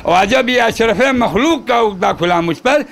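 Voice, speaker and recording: A man's voice: very high voice, lively intonation, moderate pace, vocal fry, fairly bright tone. A man reciting devotional poetry at a shrine gathering, repeating each couplet and chatting with the audience between verses.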